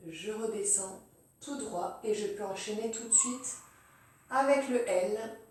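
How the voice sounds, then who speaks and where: Slow, calm woman teacher in an echoey room. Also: medium pitch, recorded from a distance, slight background noise. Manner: calm, step-by-step, narrating each pen stroke. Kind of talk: slow handwriting demonstration. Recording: very roomy, voice off-mic.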